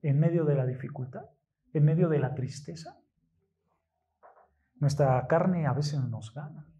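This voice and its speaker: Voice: medium pitch, measured pace, mellow, highs cut off. Emphatic preacher. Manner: emphatic, rhetorical questions, addresses congregation often. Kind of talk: sermon. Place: church.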